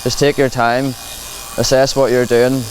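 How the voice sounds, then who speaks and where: This Northern Ireland man, a livestock clipping demonstrator, walks through the hands-on work with a plain, practical, reassuring explanation in his Northern Irish accent. He speaks at a measured pace in a medium pitch with little movement. The low-quality audio clearly carries buzzing from clippers and machinery.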